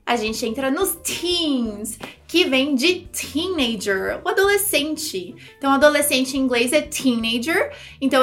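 A woman English teacher in a video lesson, lively and demonstrative, sounding out each word for her students. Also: high voice.

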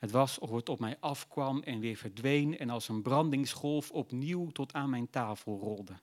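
Man narrating a literary audiobook. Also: medium pitch. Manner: measured, reflective storytelling.

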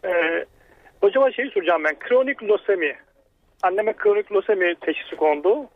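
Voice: mid-range voice, animated, a little fast, a little hiss or hum. A man calling a health show over a landline phone to put a question to a doctor. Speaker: caller to a health call-in show. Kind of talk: asking a doctor a question on air. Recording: narrow, muffled telephone line.

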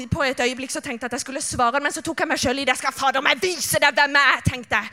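A woman's voice: sits high, pushed and bright. A young woman performing a comic story on stage.

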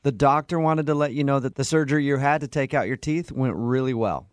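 A man's voice: mid-range voice, fairly quick, no room sound, clean studio sound. A male radio host making a prank phone call, playing it straight, pretending not to understand and stifling laughs. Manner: deadpan, feigning confusion, stifled laughter.

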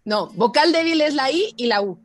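A woman's voice: high-pitched, animated, moderate pace, dry recording. A woman teaching spelling and grammar as a guest on a radio show, teasing and emphatic, laughing often. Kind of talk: playful radio quiz lesson.

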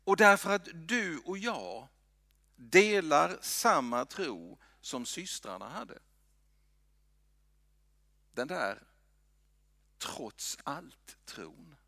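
A man preaching a sermon in a church, swinging from loud lines to hushed whispers. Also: medium pitch, gravelly, dry recording. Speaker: pastor.

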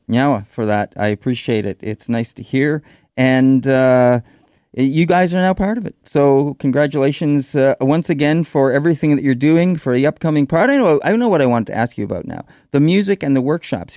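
A man hosting a conversational radio interview in a smooth voice, feeling his way through his phrases. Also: mid-range voice, brisk, dark tone, dry recording, studio quality.

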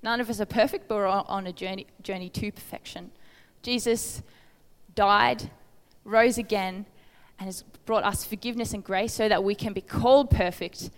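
A woman's voice: mid-range voice, fairly even intonation, moderate pace, clean tone, long reverb tail. A woman giving an informal, conversational sermon, earnest and questioning toward her listeners. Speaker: preacher. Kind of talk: informal sermon with Bible reading.

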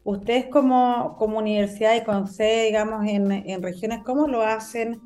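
A woman's voice: on the high side, steady tone, normal speed, a little mellow, faint music behind. A Chilean woman from the north of the country, interviewing a guest in a chatty, friendly way. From Antofagasta, northern Chile. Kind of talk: conversational interview.

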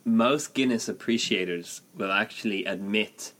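An Irish man appears as a guest on a casual podcast. His voice sits on the low side, and he talks conversationally with dry, modest humour. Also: unhurried, fairly bright tone. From Ireland.

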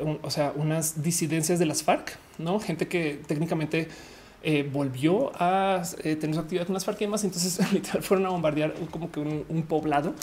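Low-pitched and dark in tone, this woman from Colombia, now living in Mexico, runs a livestreamed talk show. She talks casually with viewers, wandering off on tangents full of fillers and restarts.

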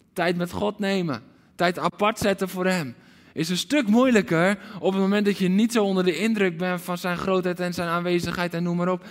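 A man preaching a livestreamed sermon with passion, moving from loud pleading calls to hushed, almost whispered lines. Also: high-pitched. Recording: long hall reverb.

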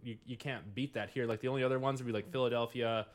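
A man's voice: medium pitch, fairly even intonation, fast talker. A man from Michigan chatting casually as host, laid-back and swearing freely. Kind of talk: casual chat.

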